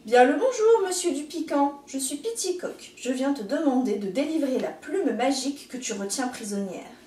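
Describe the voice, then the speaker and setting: A woman's voice: high voice, expressive, moderate pace, warm tone, far from the mic. A woman voicing a brave, cheerful little rooster in a storybook, speaking in an eager, friendly way, in an echoey room. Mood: polite.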